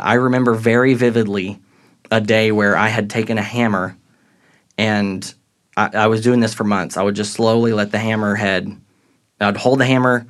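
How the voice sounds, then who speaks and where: Earnest young man with a lowish voice. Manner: earnest, reflective, grows excited retelling moments. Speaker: podcast guest. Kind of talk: faith testimony in casual conversation.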